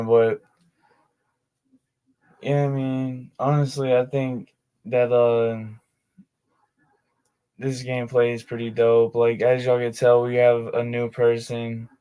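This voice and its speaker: Male streamer, casual livestream chat, very flat monotone delivery, smooth clean voice, relaxed slangy filler-heavy talk. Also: medium pitch. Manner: laid-back slangy talk full of "like" fillers. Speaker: streamer of his own tabletop game sessions.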